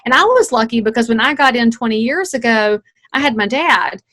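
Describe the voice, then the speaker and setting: A woman in her forties, talking as an interview guest with a slightly raised, bright pitch. She is emphatic and folksy, hitting her key points with repetition and friendly warmth in her phrasing. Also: expressive, brisk. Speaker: real estate broker, podcast guest. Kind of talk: conversational interview.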